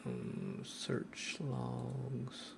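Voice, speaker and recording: A man's voice: medium pitch, wildly swooping pitch, drawn-out words, vocal fry, noisy background. A man hosting a casual screen-recorded tech tutorial, hesitant and full of ums and restarts. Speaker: tech video host.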